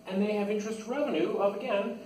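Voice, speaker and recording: A man with a high, slightly mellow voice gives an informal classroom lecture at a quick pace. He is an accounting instructor who explains things step by step and restates the key points. The recording is echoey and noisy, with the microphone placed far away.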